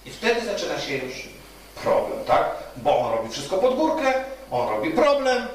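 A man's voice: sits high, wildly swooping pitch, moderate pace. A male pastor preaching a sermon, telling stories and often asking the congregation "right?". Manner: storytelling with rhetorical "tak?" questions. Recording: echoey hall from far off.

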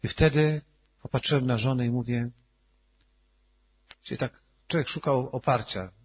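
Husky-voiced pastor, emotional testimony. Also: male voice, mid-range voice, moderate pace, highs cut off. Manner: emotional storytelling, swinging from hushed to loud. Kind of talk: sermon testimony.

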